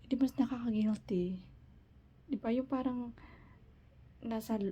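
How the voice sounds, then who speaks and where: A woman's voice: a little high, unhurried, mellow, slightly rough, highs cut off. A woman from the Philippines telling a personal story in a casual vlog, emotional, mixing in English quotes. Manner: emotional retelling, quotes others in English, restarts. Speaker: vlogger.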